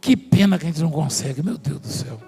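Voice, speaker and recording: A man's voice: a little high, expressive, fast, warm tone. A man preaching a sermon in a large church hall, telling stories and joking with the congregation and staff. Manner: storytelling, jokes with the congregation and staff. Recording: long hall reverb, faint music.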